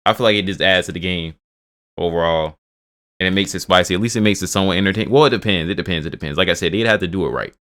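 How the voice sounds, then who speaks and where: A man with a low voice reacts to news in a rapid stream of casual commentary. He swears freely, trails off and restarts his sentences as he goes. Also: a bit bright, clear, resonant tone. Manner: rambling, profane, restarts a lot. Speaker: video host reacting to game news.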